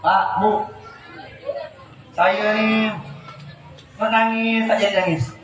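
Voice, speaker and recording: A high-pitched male preacher delivers a humorous, animated sermon through a public address system. He drops into quiet asides, then rises into shouted, chanted lines. The sound is heavily echoing, with a crowd and steady noise behind him. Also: slow pace. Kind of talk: humorous religious sermon at a gathering. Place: religious celebration gathering with a large crowd.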